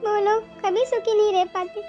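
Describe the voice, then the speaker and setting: A gentle, caring older mother in a cartoon, voiced by a woman. She speaks softly in a very high voice, lamenting and giving advice. Light music plays behind a slightly dull recording. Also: fairly even intonation, moderate pace. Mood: advising. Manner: soft, advising, lamenting.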